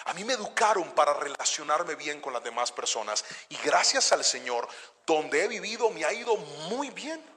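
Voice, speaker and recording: High-voiced bright preacher man, hall reverb. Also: big pitch swings, normal speed. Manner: dynamic, swings between hushed storytelling and loud exhortation. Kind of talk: sermon.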